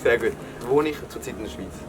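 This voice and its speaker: A man's voice: mid-range voice, animated, fast talker. A man with a Swiss German accent hosting a casual guessing game in playful, teasing banter. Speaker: YouTuber host. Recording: noisy background with vehicle sounds.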